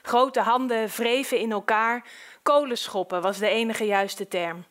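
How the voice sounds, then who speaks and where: A woman narrating an audiobook with a fairly high voice. Her reading is calm and measured. She keeps an even storytelling pace.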